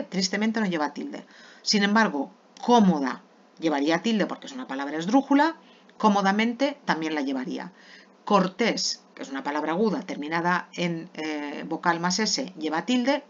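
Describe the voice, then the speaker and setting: A woman from teaching a grammar lesson patiently, often checking in with her students. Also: lowish voice. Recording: dull lo-fi recording.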